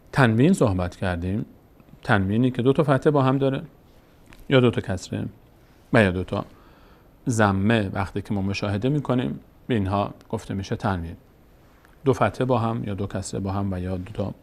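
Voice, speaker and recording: Slow-spoken Tajik man teaching a lesson. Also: fairly low pitch. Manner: slow, repeats key points for learners. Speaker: Quran reading teacher. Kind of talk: recorded lesson.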